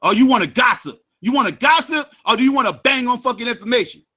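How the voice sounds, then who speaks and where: A man's voice: very high-pitched, animated, fast talker, bright, forceful tone. A man giving angry, profane, sarcastic commentary on a livestream.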